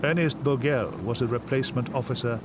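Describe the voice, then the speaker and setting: A man's voice: medium pitch, brisk, heavy background noise. A man reading scripted narration as a documentary narrator.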